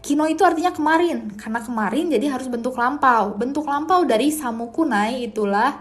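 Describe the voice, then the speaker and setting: A young woman runs a casual live-stream language lesson, talking in a relaxed, chatty way and sprinkling Japanese phrases through her explanations. Her voice sits a little on the high side. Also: a little fast.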